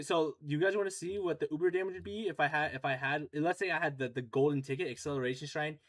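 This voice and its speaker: Male game streamer, fairly high-pitched, cursing and venting between casual play talk. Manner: profane, frustrated ranting. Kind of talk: live game stream commentary.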